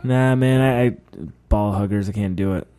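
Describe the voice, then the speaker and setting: A man's voice: lowish voice, normal speed, dark tone, clear, resonant tone. A man co-hosting a casual fight podcast, sleepy and profane, musing in a laid-back way. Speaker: podcast co-host. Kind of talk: casual chat about fights.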